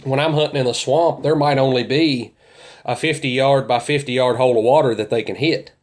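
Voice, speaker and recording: A man's voice: medium pitch, fairly even intonation, fairly quick. Man teaching, plain-spoken and folksy. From central Kentucky, United States. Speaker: duck hunter teaching calling techniques. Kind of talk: informal instructional talk.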